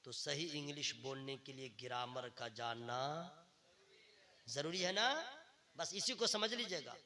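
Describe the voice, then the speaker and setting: A male Islamic preacher giving a religious speech who swings from quiet teasing asides to shouted exhortation and slowly chants Quranic verses. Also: medium pitch. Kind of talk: Urdu-Hindi religious speech.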